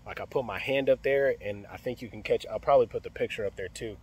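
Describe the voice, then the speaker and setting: Speaking quickly in a medium-pitched, slightly mellow voice with a breathy edge, a young man vlogs his HVAC service call, full of fillers and restarts as he thinks aloud. The audio is poor, recorded on a close-held phone camera outdoors by an AC unit and inside a closet.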